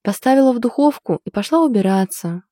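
A woman's voice: fairly high pitch, expressive, fairly quick, dark tone, no room sound, studio quality, voice pushed up. A woman voicing a blunt, grumbling young woman. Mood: rueful. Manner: grumbling, crude, gossipy. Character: blunt young woman, a hapless cook who swears. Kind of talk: audiobook character voice.

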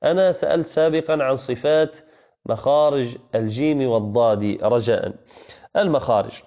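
A man's voice: mid-range voice, warm tone. Patient male Quran teacher, muffled audio. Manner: patient, repeats key phrases, chants verses slowly. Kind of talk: online tajweed lesson.

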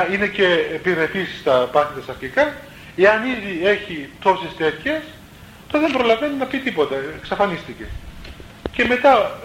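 A priest with a fairly high voice preaches a sermon in a plain, conversational teaching manner. He keeps slipping in little asides and restarts as he explains. The sound is roomy, with a faint hiss of noise behind him. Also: a bit bright. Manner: plain teaching tone, peppered with "let's say" asides and self-corrections. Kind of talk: spoken sermon on spiritual life.

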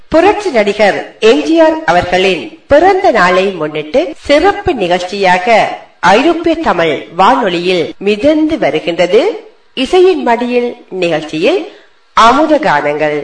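A woman's voice: mid-range voice, echoey room, poor audio. A woman presenting a radio programme with formal, flowery scripted announcements.

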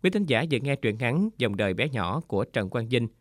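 A man narrating a short story in a measured, solemn storytelling voice. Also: medium pitch, very animated. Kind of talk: scripted audiobook narration. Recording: dry studio with faint guitar music.

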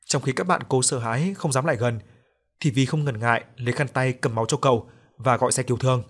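A man narrating a ghost story in a steady, even reading. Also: medium pitch, fast talker. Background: faint music.

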